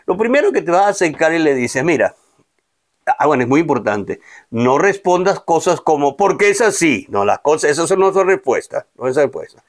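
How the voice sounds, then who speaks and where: A man's voice: fairly high pitch, very animated, moderate pace, no echo, clean studio sound. A man hosting his own video, explaining casually in a chatty, digressive way. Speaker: video host.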